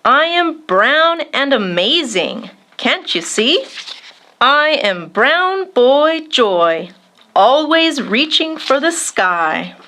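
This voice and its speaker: A high-pitched woman leads a children's storytime, reading a picture book aloud to young listeners in an expressive, measured manner.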